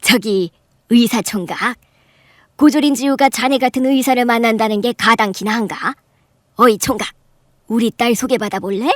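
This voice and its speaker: A woman playing a shrill, sneering middle-aged aunt. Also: moderate pace, no echo, clean studio sound, close to an everyday voice. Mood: scornful. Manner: sneering, loud and incredulous, high-pitched outbursts. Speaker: voice actor. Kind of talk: Korean radio drama acting.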